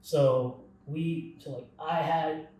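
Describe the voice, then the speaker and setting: A young adult man co-hosts a casual podcast, chatting in a rambling way with many restarts and lots of "like." His voice is a little high, steady, slow, and slightly mellow. He sounds distant from the mic in a very echoey room with slight background noise.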